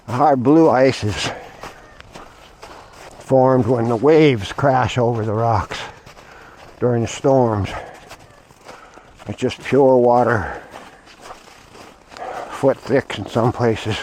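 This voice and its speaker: A clearly noisy outdoor recording carries a man's casual vlog narration. His voice sits at a middling pitch. He thinks aloud in short, broken phrases while out on a winter run. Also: takes it slowly, pauses often, a little mellow. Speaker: vlogger. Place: outdoors on a winter lake shoreline.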